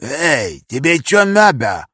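A man doing a hoarse, gruff street vagrant. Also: a little high, big pitch swings, pushed and bright, no echo, studio quality, pitched above the performer's own voice, heavily acted. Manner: slangy, coarse, drawn-out talk. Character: gruff streetwise male vagrant, talkative and bossy.

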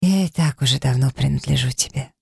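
A man reading a romance audiobook, voicing an emotional young woman in love with a raised pitch and a breathless, pleading manner. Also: fairly quick, gravelly, husky, dry recording, studio quality, heavily acted. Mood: tender.

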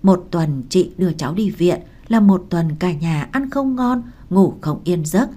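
A woman narrating a novel in a calm, measured storytelling manner. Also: fairly low pitch. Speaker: audiobook narrator.

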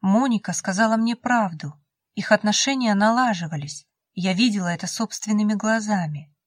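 A woman narrates a first-person novel in a soft, emotional reading voice. Her pitch sits in an ordinary middle range. The sound is dry and close, with no room around it. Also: moderate pace, no echo. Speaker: audiobook narrator.

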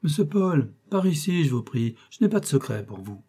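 A man voicing an irascible, scheming older male employment agent who switches between smooth courtesy and temper. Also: on the high side, big pitch swings, normal speed, dark tone, pitched above the performer's own voice. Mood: ingratiating. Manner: shifts from bland courtesy to bursts of temper.

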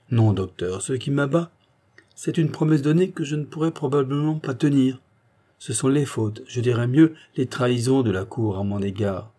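A man's voice: mid-range voice, mellow, lightly acted. Man reading as a fiery, proud orator. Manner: impassioned, declamatory. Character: proud fiery male orator, middle-aged statesman.

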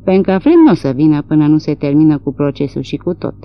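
A woman's voice: low voice, no room sound, close to an everyday voice. A woman reading the part of a blunt, scoffing rural man in an audiobook, from a dull lo-fi recording. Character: gossiping rural old man, Ratcliffe, blunt.

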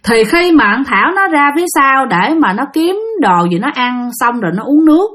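A woman's voice: high-pitched, sing-song, moderate pace, fairly bright tone. A woman telling a ghost story in a chatty way, talking straight to her listeners. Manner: chatty, addressing listeners directly. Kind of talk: casual ghost-story narration.

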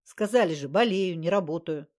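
A man's voice: sits high, moderate pace, lightly acted. A woman reading aloud and voicing a sulky, offended male occultist who grumbles and snaps. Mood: irritated. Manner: gloomy, grumbling, snapping.

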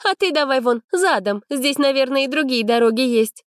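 Woman doing a fiery young heroine, high and snappy. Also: expressive, moderate pace, dry recording, clean studio sound. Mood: defiant. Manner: sharp, defiant retorts. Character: proud quick-tempered young woman student.

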